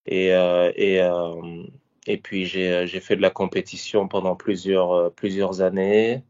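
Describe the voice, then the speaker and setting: A Parisian man in his thirties, a former fighter and coach, answers interview questions casually but hesitantly, with many fillers and restarts. His deep voice is level, a little slow and slightly mellow, on dull lo-fi audio.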